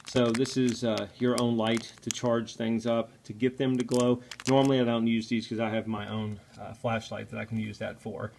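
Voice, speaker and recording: A man's voice: mid-range voice, little pitch movement, moderate pace, vocal fry, hardly any pauses, darkish tone, a little hiss or hum. A man presenting a casual unboxing vlog, talking in a friendly, apologetic way with frequent "uh" fillers. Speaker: product reviewer.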